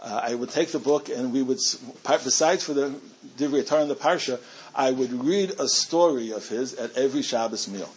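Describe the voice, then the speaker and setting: A man's voice: mid-range voice, a little fast, breathy edge. A middle-aged man giving a storytelling talk to a community audience, chatty and self-amused, with frequent restarts.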